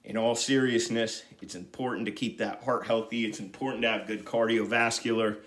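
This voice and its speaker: A man's voice: fairly low pitch, fairly even intonation, a little fast, a bit bright. Joking man leading a home workout. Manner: joking, chatty and encouraging. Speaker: exercise instructor. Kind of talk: home exercise video lesson. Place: apartment room. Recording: roomy echo, mic at a distance.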